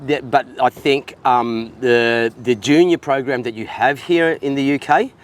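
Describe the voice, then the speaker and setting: A man's voice: mid-range voice, unhurried. A man with an Australian accent hosting a casual interview in a matey, sweary, blokey way. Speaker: podcast host interviewing a guest. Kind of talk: casual chat.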